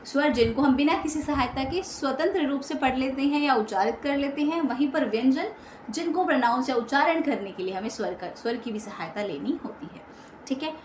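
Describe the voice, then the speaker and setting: A woman's voice: high voice, lively intonation, brisk. A woman teaching an online grammar lesson, explaining patiently, checking in with her students often and mixing in English words. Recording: echoey room, faint background hum.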